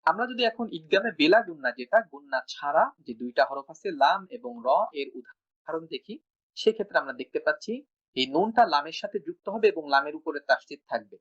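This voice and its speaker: A man teaching Quran recitation rules in an online class, slowly chanting example words between explanations. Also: fairly high pitch, animated, a bit bright, lo-fi sound. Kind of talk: online tajweed lesson.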